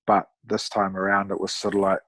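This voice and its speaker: A man in his thirties with a broad New Zealand accent, chatting casually as a podcast guest in a laid-back, matey, rough-around-the-edges way. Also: low voice, completely flat delivery, fairly quick, fairly bright tone, no echo, studio quality. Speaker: podcast guest, amateur endurance athlete. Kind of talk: casual conversational storytelling.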